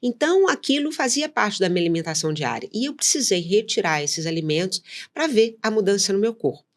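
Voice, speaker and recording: A woman's voice: medium pitch, expressive, a little fast. A woman, a nutritionist, explaining things patiently in an interview and checking in with her listener as she goes. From São Paulo, Brazil. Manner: didactic, lists points and checks in with "tá?". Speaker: nutritionist guest.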